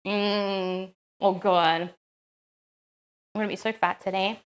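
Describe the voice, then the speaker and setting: A woman's voice: medium pitch, steady tone, slow pace, clean tone. A woman chatting casually on a live stream while she cooks at home, answering chat with lots of "um"s.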